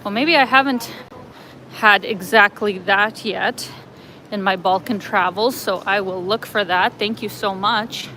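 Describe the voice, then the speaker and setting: With a bright, forceful tone at medium pitch and a measured pace, a woman vlogger reads out live chat comments while strolling through light rain, filling her casual talk with lots of fillers. The rough recording picks up clear street noise from city traffic and passing vehicles behind this travel vlogger.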